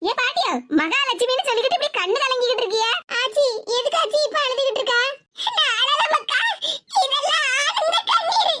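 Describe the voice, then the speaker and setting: A woman voicing a doting old grandmother in a cartoon, with a Tirunelveli Tamil accent and a high, shaky voice. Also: very noisy.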